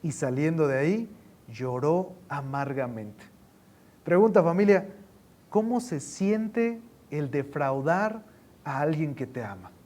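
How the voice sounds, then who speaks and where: A male pastor preaching a sermon, swinging between loud emphasis and hushed, quiet lows. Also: big pitch swings, a little slow.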